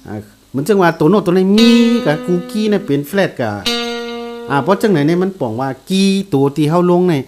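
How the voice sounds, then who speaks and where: A man giving a casual guitar lesson, explaining slowly and repeating note names as he plays. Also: a little high, animated. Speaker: guitar teacher. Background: guitar played along.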